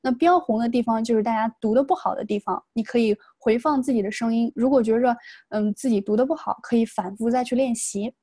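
A woman's voice: fairly high pitch, dark tone, no room sound. A woman, teaching an online exam-prep lesson in a patient, explanatory way. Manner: patient, explanatory, models English words slowly. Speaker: English test tutor.

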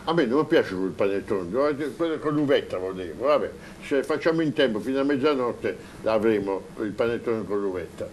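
A man's voice: mid-range voice, animated, moderate pace, hardly any pauses, a little mellow, slight background noise, rough recording. Male TV host, mid voice, loose joking studio patter. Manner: chatty and joking, with fillers. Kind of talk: live studio presenting.

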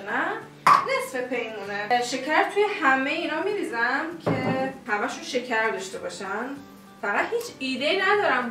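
A woman vlogger chatting playfully to her viewers while cooking at home, often giggling. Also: sits high. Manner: playful, giggly, talks to camera audience. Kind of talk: casual vlog chat to viewers. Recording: roomy, distant mic, background music.

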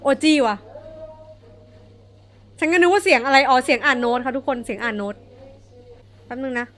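A woman's voice: high voice, expressive, normal speed, a bit bright. A young woman streaming a horror game, chatting along and swearing when startled. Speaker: VTuber streamer. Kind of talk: horror game let's play.

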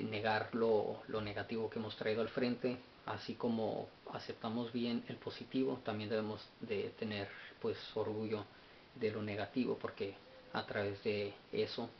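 Lowish halting man teaching Bible study. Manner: halting, repeats words while searching notes. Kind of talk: unscripted Bible study talk. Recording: dull lo-fi sound with faint hiss.

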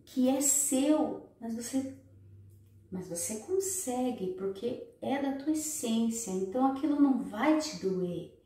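A woman's voice: a little high, expressive, takes it slowly, warm tone. A woman giving emphatic, repetitive relationship advice straight to her viewers. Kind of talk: motivational advice talk to viewers. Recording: very echoey room, far from the mic.

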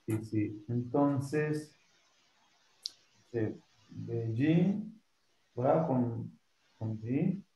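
A man's voice: mid-range voice, expressive, extremely slow, long pauses, warm tone, echoey room. A man taking an online Mandarin lesson as a student, speaking hesitantly and trying the words again and again.

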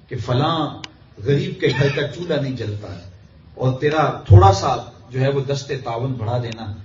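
A man gives a sermon explaining scripture, reciting verses slowly and rising to impassioned emphasis. His voice sits in the middle range and sounds distant and muffled. The recording has a roomy hall echo. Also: medium pitch, a little mellow, slight background noise. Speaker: preacher. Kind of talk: sermon, Quran commentary.

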